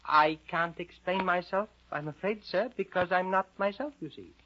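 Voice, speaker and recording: A man's voice: sits high, moderate pace, slight background noise, pitched above the performer's own voice, lightly acted. A man voicing a shy, polite, bewildered storybook girl in a hesitant, apologetic way. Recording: dull lo-fi old soundtrack, faint music.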